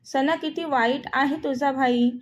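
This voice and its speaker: Storybook role: a furious, tearful young wife, read by a woman with a high voice. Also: fairly even intonation, measured pace, highs cut off. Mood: bitter. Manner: bitter, complaining. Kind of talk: storybook reading.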